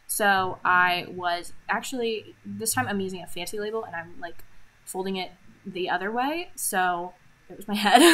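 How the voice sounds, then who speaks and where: A woman's voice: mid-range voice, sharp tone, low-quality recording. A woman vlogger chatting casually over her planner setup, rambling with lots of ums and little laughs.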